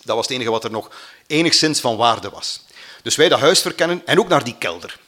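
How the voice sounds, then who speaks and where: A man telling a personal story, halting with fillers and acting out what people said. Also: mid-range voice, lively intonation, a bit bright. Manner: halting, with many fillers, acts out quotes.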